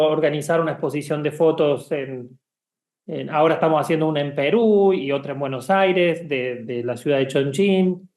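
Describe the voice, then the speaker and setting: A man's voice: fairly high pitch, darkish tone. A man from Argentina, talking casually as an interview guest, hesitant with many fillers and restarts. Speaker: guest, bookshop founder.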